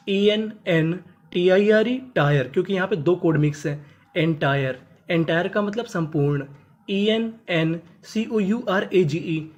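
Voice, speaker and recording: Phonics teacher, slow letter-by-letter spelling, repetitive, drawn-out cadence. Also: mid-range voice. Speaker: English teacher. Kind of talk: scripted phonics lesson.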